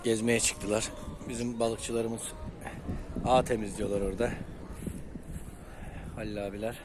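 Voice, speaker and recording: A man's voice: lowish voice, flat delivery, unhurried, background noise. A man collecting eggs in a chicken yard, counting aloud and talking fondly to his hens in a casual vlog. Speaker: chicken keeper. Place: outdoors in a chicken yard by the sea.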